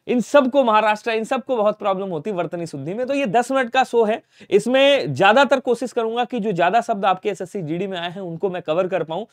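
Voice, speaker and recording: In an online exam-prep lesson, a high-voiced man teaches Hindi spelling, asking questions and answering them himself while constantly reminding listeners to remember the words. The sound is clean studio audio with no room echo.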